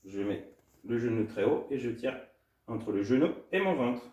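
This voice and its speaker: A man leads a home gym class for little children, his cheerful, sing-song voice pitched right in the middle. He is set back from the microphone. The room gives his voice a clear echo. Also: lively intonation, moderate pace, a little mellow, lo-fi sound. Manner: cheerful, sing-song, demonstrating while moving. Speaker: kids' gym coach. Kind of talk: instructional talk to small children. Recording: echoey room, distant from mic.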